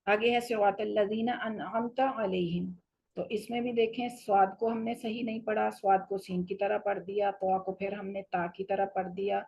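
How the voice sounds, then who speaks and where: A woman teaches Quran recitation in a patient, explanatory way and slows down to recite each example. Her voice is slightly husky, and the recording sounds dull and lo-fi. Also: mid-range voice, steady tone, a little mellow. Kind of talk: tajweed lesson.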